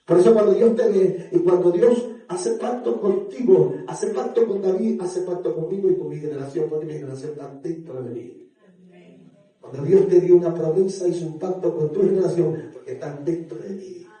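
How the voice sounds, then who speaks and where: A man's voice: a little high, moderate pace, dark tone. A man preaching a sermon to a congregation, asking rhetorical questions and having them repeat phrases. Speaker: prophet preaching. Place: church sanctuary. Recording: very echoey church hall, mic from a distance.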